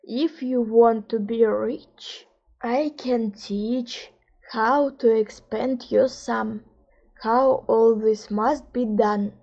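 A woman's voice: a little high, fairly even intonation, very slow, mellow, highs cut off, pitched below the performer's own voice, heavily acted. A woman doing sly wheedling animal swindlers. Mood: scheming. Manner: wheedling, conspiratorial. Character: sly scheming fox and cat swindlers. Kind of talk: rhymed storybook reading.

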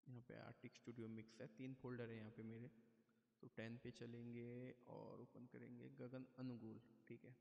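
A man's voice: mid-range voice, vocal fry, highs cut off. A man giving a casual step-by-step keyboard tutorial, explaining patiently and checking in with the viewer often. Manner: plain, patient explaining with frequent "theek hai". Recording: echoey room with long reverb.

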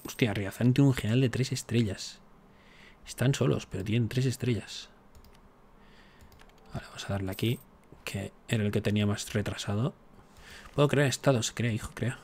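A man's voice: lowish voice, normal speed, long pauses, darkish tone. Joking man narrating his strategy game. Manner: chatty, joking, exasperated asides to the game. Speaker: gaming YouTuber. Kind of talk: casual let's-play commentary.

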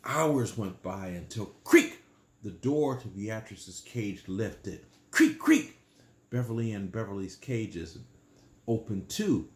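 Gentle bedtime storyteller man. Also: fairly low pitch, takes it slowly, roomy sound. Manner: gentle, explains the story to children. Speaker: storyteller, channel host.

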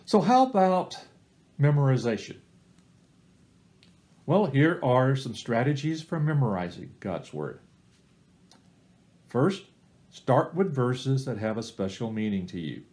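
A middle-aged man leading a recorded church small-group Bible study, giving plain, step-by-step advice in an unhurried teaching manner. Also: mid-range voice, sing-song, darkish tone.

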